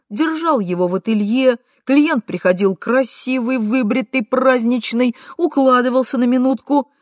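Woman reading a cynical teasing friend, lively sing-song delivery, dry close sound. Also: on the low side, dry recording. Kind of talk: audiobook reading.

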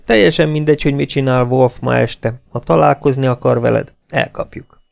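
A man's voice: medium pitch, vocal fry. A man reading as a wary British officer. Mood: determined.

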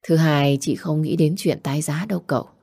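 A woman voicing a kind, warm-hearted middle-aged mother who speaks gently and earnestly. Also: low voice, fairly even intonation, brisk, vocal fry, husky, dry recording, clean studio sound, exaggerated voice.

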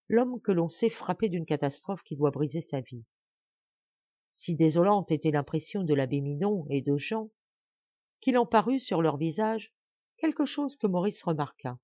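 Lady reading an old novel out loud, expressive, dry kinda dull recording. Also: sits low, no room sound. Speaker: audiobook reader. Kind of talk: scripted narration of a classic novel.

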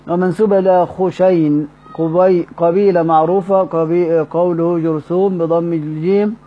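A man with a high voice reads a scholarly commentary aloud at a rapid clip, hardly varying his pitch. He spells out the vowels of words and fixes his own slips as he goes, and the recording sounds dull and lo-fi. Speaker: reader of a religious text commentary.

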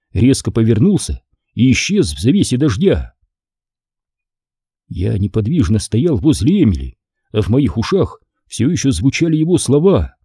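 A man narrating a storybook in a dark, mellow and husky voice, with lively pitch that rises and falls. The recording is close and completely dry, with no room sound. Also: no echo. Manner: expressive storytelling. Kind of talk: audiobook narration.

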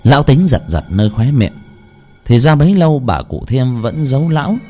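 A man narrating a ghost story with dramatic flair. His voice rises and falls in a lively way, and faint music plays behind him. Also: medium pitch, normal speed.

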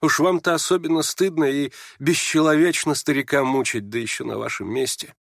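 A man's voice: on the high side, fairly quick, gravelly, no echo, clean studio sound, voice pushed up. A man voicing an anxious reproachful mother.

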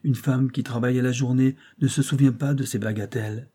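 A man reading the part of an elderly, forgetful mother who speaks gently and plaintively, higher than his narrating voice. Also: fairly even intonation, brisk, close to an everyday voice.

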